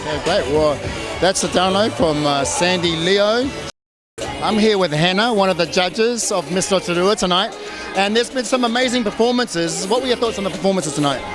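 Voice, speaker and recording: A man with a high-pitched voice hosts casual red-carpet interviews. Clear music plays behind him as he puts questions to guests. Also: normal speed. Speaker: event interviewer.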